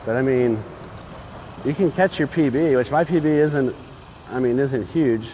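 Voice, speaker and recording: A man with a middling-pitched voice talks casually under a bridge outdoors. He rambles informally like a fishing streamer, with modest, opinionated asides. Faint ambient noise runs behind him on the phone recording. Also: a little slow, dark tone, rough recording. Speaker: fishing livestream host. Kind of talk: casual chat while fishing.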